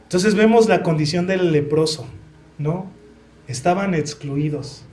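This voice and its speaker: A man's voice: sits high, measured pace, a little mellow. A young man preaching a sermon in a Mexican Spanish accent, earnest and personal, often asking the congregation questions.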